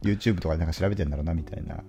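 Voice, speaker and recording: A man co-hosting a casual comedy podcast, telling a workplace story with deadpan delivery and crude self-mocking jokes. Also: low-pitched, rapid-fire. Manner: deadpan, answers with flat "hai", crude self-deprecating jokes. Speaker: podcast co-host.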